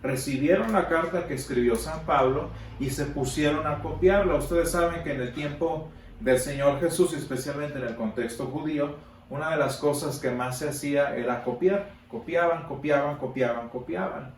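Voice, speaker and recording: A man teaching a Sunday school Bible class, emphatic, repeating words for stress and pausing on fillers. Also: fairly high pitch. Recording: echoey room from a distance, faint background noise.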